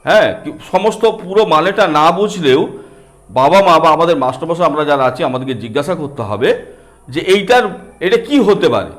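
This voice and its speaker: A man with a high voice and a Bengali accent. He talks straight to small children and patiently explains a counting book, one number at a time. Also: very animated, fairly quick. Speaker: teacher and book author.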